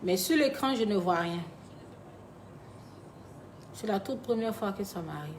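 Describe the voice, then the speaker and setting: On a phone livestream, a woman with a medium-pitched, expressive voice chats casually at a measured pace with followers she calls her babies. She grows sombre and reflective when the topic turns to loss, and there is slight background noise.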